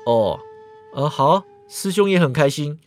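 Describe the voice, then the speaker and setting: A man voicing a calm senior martial brother in a storytelling podcast, in a steady lowered voice. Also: measured pace, soft background music.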